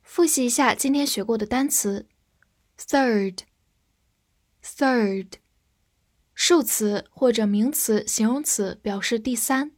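A woman whose first language is Chinese, teaching English vocabulary, patiently spelling words letter by letter and leading slow read-alongs. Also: fairly high pitch, no echo, clean studio sound.

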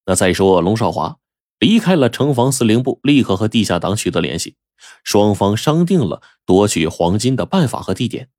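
A man telling a traditional serialized story in a chatty, animated way, turning to the listeners with asides. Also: fairly low pitch, moderate pace, dry recording, clean studio sound.

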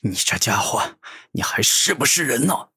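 A man voicing a proud, furious male villain cultivator who shouts in defiance, with a husky voice. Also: fairly low pitch, lively intonation, unhurried, dry recording, clean studio sound, exaggerated voice. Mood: outraged.

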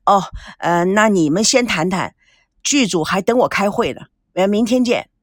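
Woman reading a smooth charming young man. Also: mid-range voice, moderate pace, no echo, clean studio sound, lightly acted. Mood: awkward. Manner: smooth, teasing, self-assured.

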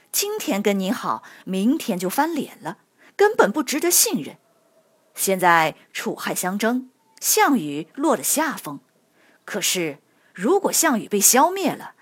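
A woman voicing a scheming male envoy who talks in a low, coaxing, confiding way. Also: husky, full character voice.

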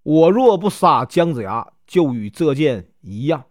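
Guy doing a fierce young prince swearing revenge, lively rising and falling voice, storybook telling. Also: on the high side, measured pace, no echo, studio quality. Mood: vengeful. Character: young prince, vengeful and resolute.

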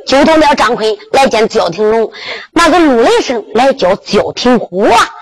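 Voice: medium pitch, sing-song, normal speed, rough recording. A storyteller with a Henan accent, chanting and narrating a Henan zhuizi tale.

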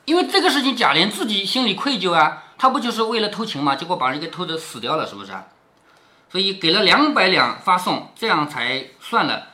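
A man's voice: high-pitched, sing-song, brisk, pushed and bright. A man reading a classic novel aloud to his daughter, stopping to explain and quiz her with questions. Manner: explains and keeps asking the listener questions. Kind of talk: storytelling with commentary.

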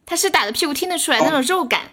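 A woman hosting a livestream voice chat game, lively and teasing. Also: high-pitched, very fast, a crowd in the background. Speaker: livestream host.

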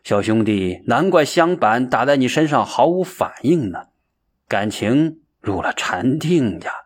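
A man putting on a slow, husky old Chan master. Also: big pitch swings. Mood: teasing. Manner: slow, low, teasing. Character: jovial elderly male Chan master, cryptic and playful.

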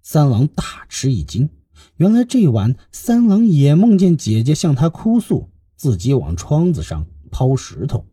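Dark husky male storyteller. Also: on the high side, unhurried, no echo, clean studio sound. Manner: lively expressive reading. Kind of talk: scripted narration of a classical tale.

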